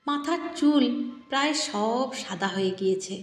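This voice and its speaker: A woman narrating a story in an expressive, measured way. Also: on the high side. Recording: echoey hall with faint music.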